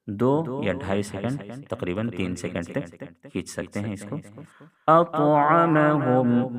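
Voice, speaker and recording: Man teaching tajweed over crowd noise. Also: low-pitched. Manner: explains rules calmly, then chants verses slowly. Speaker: Quran recitation teacher. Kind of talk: step-by-step tajweed lesson.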